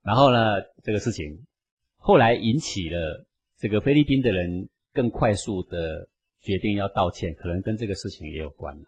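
A man's voice: lowish voice, lively intonation, moderate pace, husky. A man giving an emphatic, preachy Buddhist radio lecture and acting out quotes along the way. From Taiwan.

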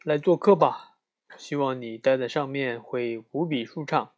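A man reading aloud, voicing a big, gentle, generous male moose who talks politely and mutters when annoyed. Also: medium pitch, measured pace, natural voice. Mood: cheerful welcoming.

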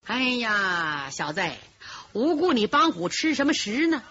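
A woman's voice: a little high, sing-song, a little slow, voice pushed down, heavily acted. A woman storyteller voicing a sly young male hero who mocks his foes and fakes a stammer. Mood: mocking. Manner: stammering, sharp-tongued. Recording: lo-fi muffled recording.

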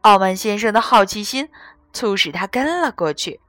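A woman narrating a children's story in a gentle, expressive way. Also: mid-range voice, normal speed, dry recording, clean studio sound.

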